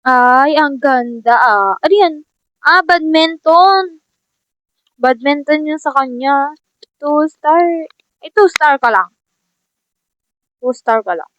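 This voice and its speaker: Young Filipina gamer, high voice, slow teasing chatter, dull lo-fi dry mic. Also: female voice, fairly bright tone, dry recording. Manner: chatty, teasing, talks to herself and viewers, laughs often. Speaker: gaming vlogger. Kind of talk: casual gameplay commentary. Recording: dull lo-fi sound.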